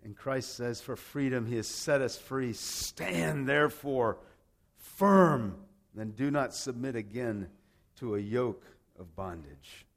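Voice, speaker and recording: A man with a mid-range voice and some vocal fry preaches slowly and with animation, mixing scripture with personal anecdotes. He grew up in Rome, Italy, to American parents, and his delivery is emphatic yet conversational, full of rhetorical questions and repeated phrases.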